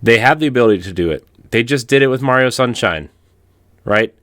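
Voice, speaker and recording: A man's voice: medium pitch, lively intonation, fairly quick, fairly bright tone, no room sound, studio quality. A man on a podcast panel giving casual opinions, often checking in with little tag questions.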